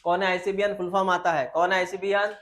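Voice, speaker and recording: High-voiced biology teacher lecturing students. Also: male voice, level tone, a bit bright. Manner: informal, addresses students as beta, asks and answers own questions; reads textbook lines slowly in English. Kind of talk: classroom lecture.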